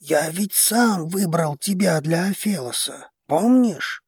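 A man's voice: on the high side, expressive, takes it slowly, darkish tone, slightly rough, no echo, clean studio sound, pitched above the performer's own voice, full character voice. A man playing a stern old head of a noble house who speaks curtly and strictly. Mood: gentle. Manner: stern, curt.

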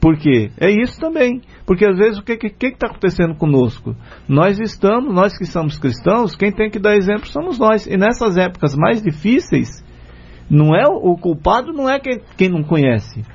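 Gravelly Brazilian man hosting a spiritist radio show. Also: high-pitched, big pitch swings, normal speed, darkish tone. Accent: Brazilian Portuguese. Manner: earnest, retells a story with many "né?" fillers. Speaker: radio program host. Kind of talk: casual conversation on a spiritist radio program. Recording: dull lo-fi radio recording.

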